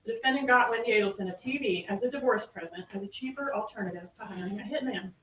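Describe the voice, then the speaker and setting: A woman's voice: fairly high pitch, a bit bright. Woman prosecutor, closing argument, pointed questions, roomy and distant courtroom audio with faint noise. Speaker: trial prosecutor. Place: large courtroom. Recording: echoey courtroom audio from far off.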